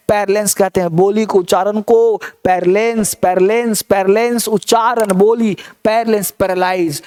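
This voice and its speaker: An energetic man runs a vocabulary lesson, calling out each word again and again and pushing students to repeat. His voice sits notably high for a man. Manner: energetic, repeats words and urges viewers to repeat. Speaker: English teacher.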